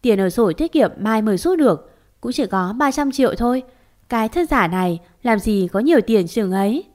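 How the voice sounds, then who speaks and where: A woman's voice: on the high side, expressive, moderate pace, a little mellow, close to an everyday voice. A woman reading an audio story, voicing a bitter, scornful older mother-in-law who scolds and blames. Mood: scolding. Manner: scolding and reproachful.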